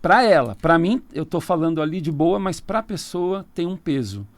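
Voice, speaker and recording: A man's voice: on the high side, expressive, normal speed, no room sound. Chatty Brazilian man explaining tarot. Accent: Brazilian Portuguese. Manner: explanatory, conversational, laughs easily. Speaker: tarot reader guest. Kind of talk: casual radio interview. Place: radio studio.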